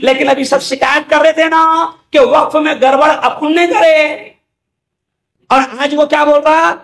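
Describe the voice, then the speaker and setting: A man, a mufti, giving a fiery public speech to a gathering. He chants Arabic verses, explains them, and keeps pushing the crowd to call back answers. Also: extremely high pitch. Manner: rhetorical call-and-response, urging the crowd to shout back.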